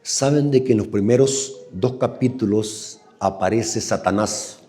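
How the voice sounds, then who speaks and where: Salvadoran preacher man, mellow and animated. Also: fairly low pitch, a little slow. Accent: Salvadoran Spanish. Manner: animated, asks the congregation questions. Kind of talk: sermon.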